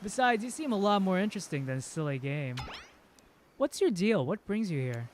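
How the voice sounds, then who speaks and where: Teasing ghostly female killer from a game, played by a man, lifted in pitch. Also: sing-song, normal speed, a little hiss or hum. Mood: curious.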